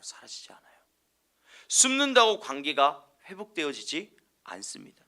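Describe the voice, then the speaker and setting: A male evangelist with a medium-pitched, sharp voice preaches an earnest sermon. He puts rhetorical questions to the congregation and supplies the answers himself.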